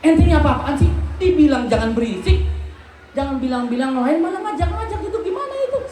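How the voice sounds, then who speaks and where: A male preacher voicing a flustered wife who scolds her husband in a shrill, exasperated chatter. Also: expressive, normal speed, soft background music. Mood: scolding. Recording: roomy hall with faint background noise.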